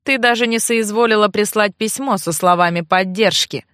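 Brief: woman doing a cold, growling young nobleman for an audiobook, lowered voice, close and dry. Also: normal speed, fairly bright tone, dry recording, natural voice. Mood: grim. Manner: low, clipped, growling. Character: brooding angry young nobleman. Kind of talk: audiobook character voice.

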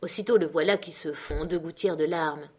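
A woman reading a classic novel aloud in a measured storytelling manner. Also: low-pitched, slightly rough. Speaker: audiobook narrator. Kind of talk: literary audiobook narration.

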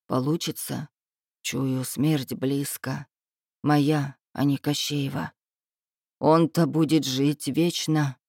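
A woman's voice: sits low, flat delivery, takes it slowly, darkish tone, dry recording, clean studio sound, voice pushed down, heavily acted. Woman voicing a weary, ailing young tsarevich. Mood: grim. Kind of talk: audiobook character voice.

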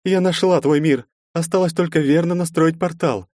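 A man's voice: fairly high pitch, fairly even intonation, a little mellow, no echo, studio quality, voice pushed up, lightly acted. A man narrating a fantasy audiobook, voicing a sorceress who calls out while she works a spell. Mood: eager. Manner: calling out, hurried. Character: impatient female sorceress, eager and breathless.

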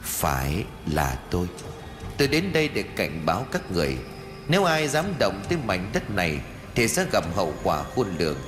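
A cold, vengeful ghost woman, as a male narrator puts her on, muttering her threats low and quiet in a horror audiobook. Her voice swings lively in pitch over faint background music. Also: moderate pace. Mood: menacing.

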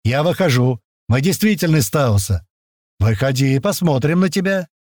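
A man reading an audiobook, voicing a calm, commanding leader who keeps an armed group in check. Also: mid-range voice, normal speed, no echo, clean studio sound, voice pushed up, lightly acted. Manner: firm and steady, takes charge. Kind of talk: audiobook character voice.

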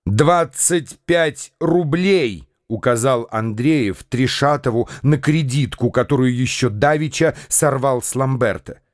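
A man narrating a classic novel as a radio play, measured and dramatic. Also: medium pitch, no room sound, studio quality.

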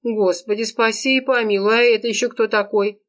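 A woman's voice: mid-range voice, expressive, normal speed, natural voice. A woman reading an audiobook, voicing a bossy, sarcastic young woman who scolds her friend. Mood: scolding sarcastic. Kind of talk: audiobook character voice.

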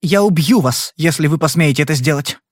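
A man's voice: on the high side, fairly quick, no echo, clean studio sound, lightly acted. A man voicing a fierce, defensive middle-aged wife in an audiobook, speaking in an insistent, protective way. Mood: defiant.

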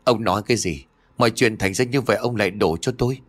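A man's voice: on the low side, fast, close to an everyday voice. A man voicing a frantic young mother in an audio ghost story, accusing and desperate.

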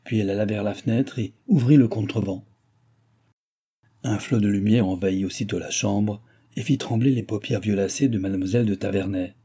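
A man narrating a classic novel in a steady, measured audiobook reading. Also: fairly low pitch, breathy edge.

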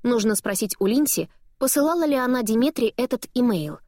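A woman narrating a novel in first person with a lively, dramatic reading. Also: on the high side, a little fast, no echo, studio quality. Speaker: audiobook narrator.

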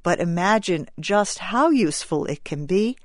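A woman narrating a scripted news program, reading clearly and deliberately. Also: on the low side, lively intonation, no echo, clean studio sound.

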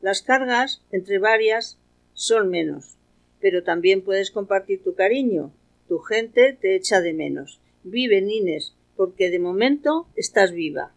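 A woman's voice: mid-range voice, lively intonation, slow pace, muffled recording. Woman as solemn Ghost of Christmas Future. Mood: earnest, encouraging. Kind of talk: amateur radio play acting.

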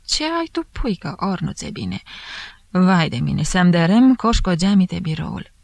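A woman's voice: fairly low pitch, very animated, creaky, no room sound. A woman doing a sly coaxing police chief. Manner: sly coaxing, slipping into hushed asides. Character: smug flirtatious middle-aged male police chief.

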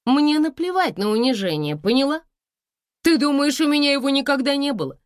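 A woman's voice: fairly high pitch, big pitch swings, takes it slowly, no room sound, clean studio sound, voice pushed up. A woman voicing a confident, mocking middle-aged wife who speaks with sarcastic scorn and keeps pressing her rival. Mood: scornful.

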